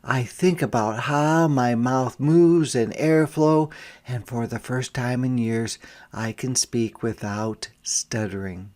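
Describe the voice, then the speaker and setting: A man with a medium-pitched voice reads a picture book aloud, moving slowly and deliberately like a teacher with young listeners. Every so often he pauses the story to explain things in a quieter voice, making it an interactive read-aloud.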